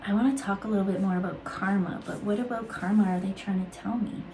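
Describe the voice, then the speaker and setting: A woman's voice: mid-range voice, steady tone, darkish tone, slight background noise, poor audio. Musing woman giving a card reading. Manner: musing, halting, many fillers and restarts. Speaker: intuitive card reader. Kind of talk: casual spiritual card reading.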